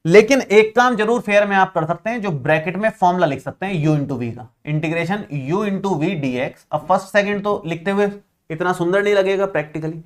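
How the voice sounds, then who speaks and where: A male math teacher giving a classroom lecture, chatty and reassuring, teasing his students and repeating steps slowly. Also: high-pitched.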